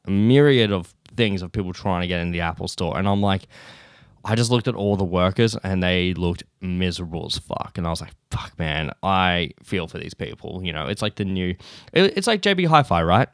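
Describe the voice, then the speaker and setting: A young Australian man talks through a loose, profanity-laced solo podcast episode, a bit drowsy from just waking up. His voice sits very low and comes through smooth and clear. The sound is close and dry, with no room around it. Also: expressive, fairly quick, dry recording. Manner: rambling, swears often, laughs between thoughts. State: sleepy, just woken up. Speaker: podcast host. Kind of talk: casual solo podcast chat.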